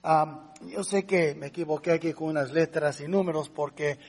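A man preaching a sermon in a fairly high, husky voice. He talks to his congregation like family, calling them brothers, and keeps asking rhetorical questions. His delivery swings with emotion. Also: steady tone, normal speed, a little mellow. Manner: conversational preaching, addresses listeners as brothers. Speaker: pastor.

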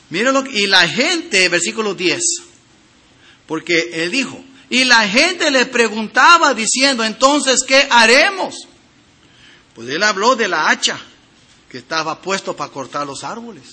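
A man preaching a sermon, reading scripture aloud and addressing the congregation directly with emphatic swings of loudness. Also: sits high, very animated, a little slow, husky. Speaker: pastor.

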